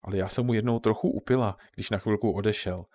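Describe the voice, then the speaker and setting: A man's voice: lowish voice, fairly even intonation, dark tone, close to an everyday voice. A man voicing a curious young granddaughter, raising his voice slightly. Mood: earnest.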